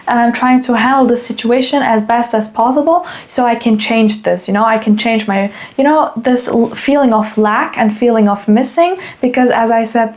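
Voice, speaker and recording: A woman's voice: a little high, a little mellow. A young woman from Germany hosting a solo podcast, talking casually and rambling, with many fillers and restarts. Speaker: podcast host.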